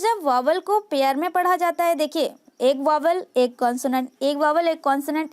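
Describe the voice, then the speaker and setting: A woman teaching English phonics to parents, spelling out letters and sounding out words one by one. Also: high-pitched. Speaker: home tutor teaching English reading.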